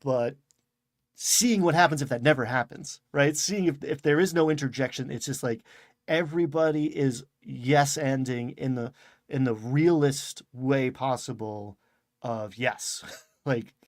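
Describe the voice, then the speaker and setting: A man co-hosting a podcast, talking in an animated way with quick bursts and casual swearing. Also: medium pitch, no room sound, clean studio sound. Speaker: podcast co-host. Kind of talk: casual chat.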